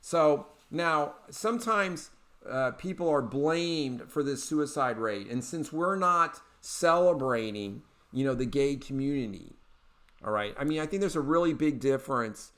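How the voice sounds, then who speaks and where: A man's voice: mid-range voice, expressive, measured pace, a bit bright. A man hosting a political commentary show, talking in a rambling way with many fillers and restarts. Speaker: podcast host.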